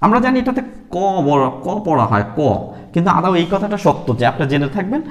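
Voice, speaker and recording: Man teaching letter sounds, slow. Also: high-pitched, sing-song, in a large hall. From Bangladesh. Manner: repeats sounds slowly, with many fillers. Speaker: English teacher. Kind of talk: explaining letters and sounds step by step.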